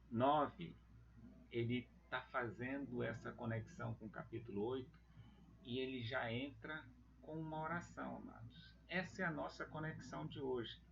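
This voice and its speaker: A man teaching a church Bible lesson, talking slowly and deliberately and calling his listeners beloved brethren. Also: mid-range voice, gravelly, pushed and bright, husky, highs cut off.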